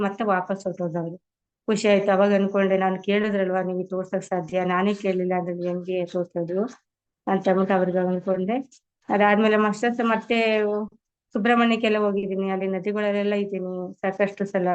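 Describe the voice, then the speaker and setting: A woman's voice: mid-range voice, level tone, fairly quick, a little mellow, highs cut off. A middle-aged woman earnestly sharing her personal meditation experiences as a testimony to fellow practitioners. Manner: earnest, addresses listeners as masters.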